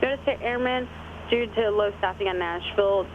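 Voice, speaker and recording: A voice reading a recorded airport weather broadcast in a flat, steady recitation of numbers, heard over an aircraft radio. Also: medium pitch, moderate pace. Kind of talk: recorded weather and runway information readout. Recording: narrow radio band with clear cockpit noise.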